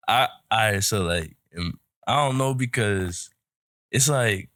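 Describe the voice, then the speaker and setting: Brief: young man, 19, podcast guest, lowish voice, dry mic, hesitant and mumbling. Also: slow pace, a bit bright, no echo. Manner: hesitant, mumbling, lots of fillers. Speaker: guest YouTuber. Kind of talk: casual podcast chat.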